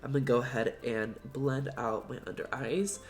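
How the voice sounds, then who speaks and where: A man's voice: mid-range voice, normal speed. A man with a stuffed-up, nasal voice, chatting in a gushing, slangy way as he reviews makeup in a vlog. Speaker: beauty vlogger.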